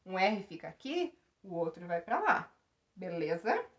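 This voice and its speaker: A woman's voice: on the low side, big pitch swings, unhurried, fairly bright tone, highs cut off. A woman giving a grammar lesson, explaining step by step and asking the class questions. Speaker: teacher.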